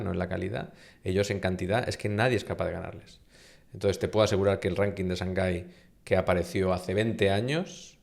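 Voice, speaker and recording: A middle-aged Spanish man, a university vice-rector, speaks as a guest in a conversational interview with a Castilian accent. He's emphatic and animated, often posing rhetorical questions, in a deep, gravelly voice.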